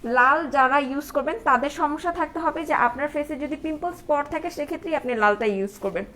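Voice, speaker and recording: A Bangladeshi woman with a high voice talks through a face mask, slightly muffled. She chats casually as a live-selling host, taking questions and dropping in English words. There is some background noise around her. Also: brisk, bright, forceful tone. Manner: code-switches into English words and often adds check-in tags. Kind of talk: casual live sales chat answering viewers' comments.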